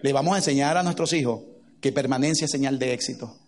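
A middle-aged man preaching a sermon as a pastor, telling stories with lively acted-out quotes. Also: medium pitch, quick pace, a little hiss or hum. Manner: animated storytelling with acted-out quotes.

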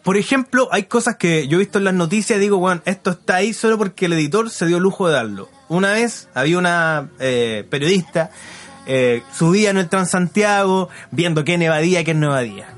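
Chilean male co-host, high-pitched, lively slang storyteller, faint music bed. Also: brisk. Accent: Chilean Spanish. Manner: slangy, animated storyteller, mimics voices. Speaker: podcast co-host. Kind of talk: casual chat.

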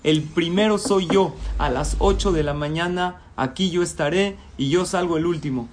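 Brief: man doing a frantic boss, impatient, shouty. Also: on the high side, normal speed, slight background noise, natural voice. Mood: determined. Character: stressed businessman, middle-aged, bossy and frantic.

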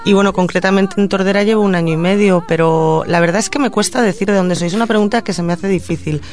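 Her voice is medium in pitch and a little mellow. She is a puppeteer and social educator from Madrid, Spain, thoughtfully and sincerely answering questions in a radio studio, with pauses as she sorts out what to say.

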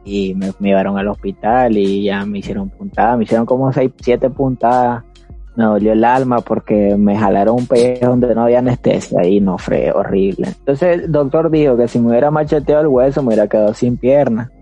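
Young Nicaraguan man, mellow voice, lively storyteller, faint music behind. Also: medium pitch, fairly quick. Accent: Nicaraguan Spanish. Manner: animated, acts out voices in his story. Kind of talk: casual storytelling.

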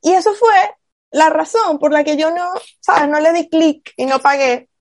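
A woman in casual podcast chat, animated and confiding, with quick asides. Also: high-pitched, no room sound, studio quality.

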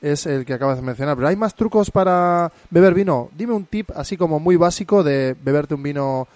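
A man in his thirties from Spain, hosting a podcast, who teases and prods his guest with excitable questions. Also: fairly high pitch, a little fast, no room sound. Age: 30s. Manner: playful, teasing, excitable interviewer. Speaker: podcast host. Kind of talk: casual podcast chat.

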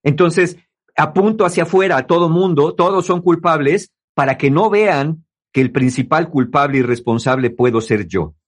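A man's voice: fairly high pitch, normal speed, slightly rough. A man giving relationship advice to listeners in a conversational talk, often mimicking the people he quotes.

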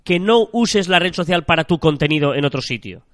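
A man's voice: fairly high pitch, animated, brisk, fairly bright tone, no room sound, studio quality. A man with a nasal, stuffed-up voice from a cold, chatting as co-host of a marketing podcast. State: has a cold.

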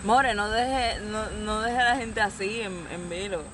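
A woman's voice: medium pitch, normal speed. Podcast co-host: woman, Dominican accent, slangy and playful, casual chat, noisy recording.

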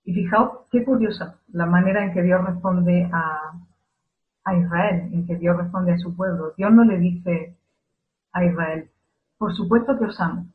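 A woman from Spain with a Spanish accent giving a sermon, measured and reflective, asking her listeners a string of rhetorical questions. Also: fairly low pitch, fairly even intonation. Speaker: preacher. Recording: tinny phone-like sound.

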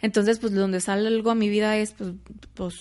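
Her mid-range voice moves at an ordinary pace as this young Mexican woman recounts her life in a casual interview. She brings the story alive by imitating how her family members talk.

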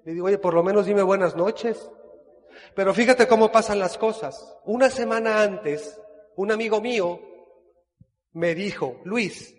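High-voiced Mexican man telling stories. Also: long reverb tail. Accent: Mexican Spanish. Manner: animated storyteller who acts out dialogue, with frequent restarts. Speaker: business speaker sharing his life story. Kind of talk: casual storytelling talk.

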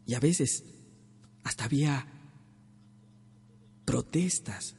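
A man's voice: mid-range voice, slow, vocal fry, darkish tone, breathy edge. A man hosting a prayer program, preaching a devotional sermon and speaking earnestly and directly to the listener. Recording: long echoing reverb.

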